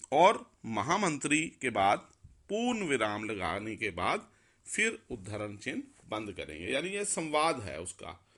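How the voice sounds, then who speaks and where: Male teacher, unhurried and methodical, spells words out step by step; lively intonation. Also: mid-range voice. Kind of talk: explaining a Hindi grammar lesson.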